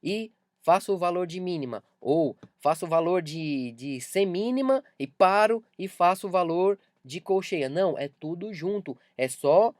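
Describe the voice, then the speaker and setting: Brazilian woman explaining music theory, says things twice, kinda low voice, dry recording. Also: lively intonation, unhurried, few pauses, a little mellow, no room sound. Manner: patient, repeats key points to explain. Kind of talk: video music lesson.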